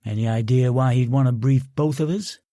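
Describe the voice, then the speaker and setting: A man's voice: mid-range voice, fairly quick, warm tone, no echo, studio quality, natural voice. A man voicing a brash, mocking American sergeant in an audiobook, talking in cocky, needling banter. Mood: taunting.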